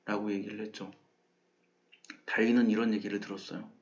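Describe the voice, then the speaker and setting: A man's voice: on the low side, flat delivery, brisk, highs cut off. A man hosting a math channel, explaining ideas in a casual lecture and acting out the questions people ask him. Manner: conversational, acts out quoted questions.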